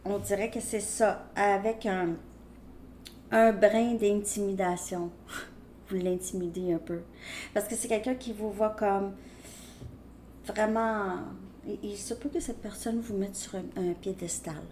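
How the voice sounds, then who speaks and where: A woman with a Québécois French accent giving a tarot reading, talking slowly and hesitantly with many fillers and restarts. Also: medium pitch, steady tone, a little mellow, slight background noise. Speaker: tarot reader.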